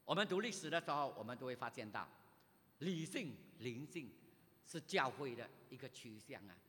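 An older male pastor from Malaysia, telling his own story in a sermon, animated, with sudden loud rises. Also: medium pitch, moderate pace. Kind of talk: sermon, personal testimony. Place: church sanctuary. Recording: reverberant church hall.

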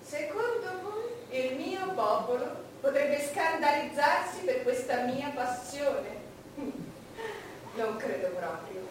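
A very echoey, distant stage recording of a proud, imperious queen. She declaims her monologue slowly and haughtily in a high voice, lingering on dramatic pauses. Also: lively intonation. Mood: scornful, confiding. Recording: echoey theatre, distant noisy mic.

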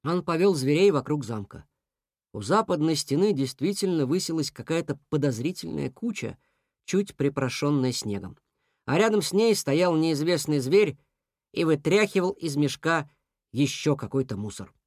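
An expressive storyteller reads a children's fairy tale with a lively, rising and falling voice. The recording is close and dry, with no room sound. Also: medium pitch, normal speed, no echo. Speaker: audiobook narrator.

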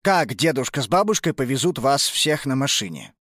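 A woman voicing a grumbling, cautious father in a children's story, dropping her voice low. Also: sing-song, normal speed, a bit bright, no echo, clean studio sound, full character voice. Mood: stern.

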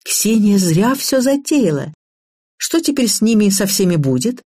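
A woman voicing an inquisitive, sharp-tongued older mother-in-law who talks bluntly in quick exclamations. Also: mid-range voice, sing-song, husky, no room sound, clean studio sound, voice pushed up. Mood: excited.

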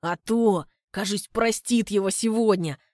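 A woman's voice: medium pitch, unhurried, a little mellow, no room sound, studio quality, close to an everyday voice. A woman voicing a cheerful, chatty village lad passing on gossip.

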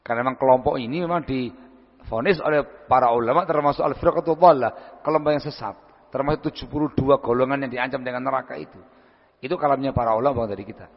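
A man preaching and answering questions at a religious gathering, lively and acting out short everyday conversations as he teaches. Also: mid-range voice. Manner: lively, acts out short everyday dialogues, frequent Arabic phrases. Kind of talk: lecture-style Q&A sermon. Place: large hall at a study gathering. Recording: dull lo-fi sound, long hall reverb.

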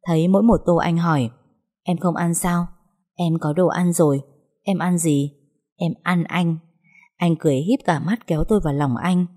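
A woman narrating a first-person love story in a chatty way, talking to her listeners. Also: fairly low pitch. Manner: warm, chatty, addresses listeners.

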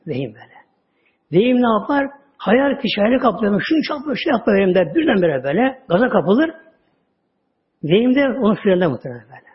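Lively high-pitched man giving a religious talk. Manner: lively storytelling, drawn-out words, sudden drops to a low voice. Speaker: religious teacher. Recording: dull lo-fi audio recording.

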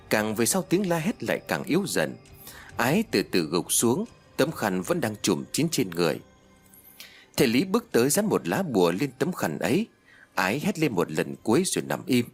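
A man narrating a ghost story audiobook in a dramatic, expressive storytelling manner. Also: lowish voice.

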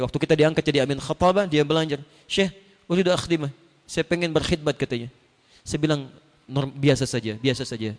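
A man preaching a sermon, telling stories and acting out the dialogue with big swings in his voice. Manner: animated storytelling, acts out dialogue with big pitch swings. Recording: reverberant hall.

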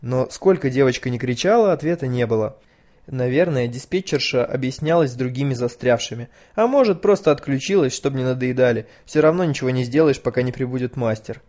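A man narrating an audiobook in an even storytelling delivery. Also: mid-range voice, fairly quick.

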